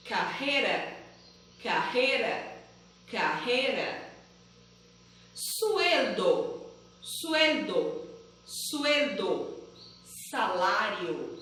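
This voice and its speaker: A woman leads a video language lesson in a high, lively voice. She speaks very slowly and drills each word three times. The voice comes from a distance in a strongly echoing room. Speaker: Spanish teacher. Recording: very echoey room, voice from far off.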